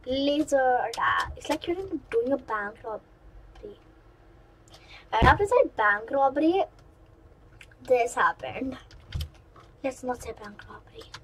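A woman giving chatty, excitable let's-play commentary, rambling in asides to her viewers. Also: sits high, measured pace, pauses often, slight background noise, low-quality recording. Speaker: gaming channel host.

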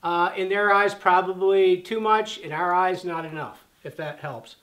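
Sitting on the floor by a fireplace in his living room, a channel host in his fifties casually reads fan questions aloud, full of fillers and restarts. His voice sits high and a bit bright, at a measured pace.

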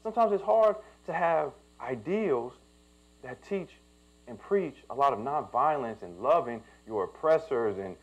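A man's voice: mid-range voice, lively intonation, measured pace, highs cut off. A young man, a pastor telling a personal story in a sermon and building to emphatic preaching.

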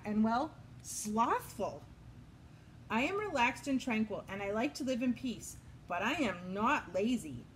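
A woman voicing a calm, unhurried male sloth in a storybook reading, speaking in a slow, mellow way. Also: a little high, slight background noise, rough recording.

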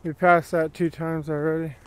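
A man's voice: a little high, level tone, moderate pace, clear, resonant tone. A man giving plainspoken, rambling commentary while walking a wooded dirt trail, recorded on a handheld phone. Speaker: vlogger. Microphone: handheld phone camera while walking.

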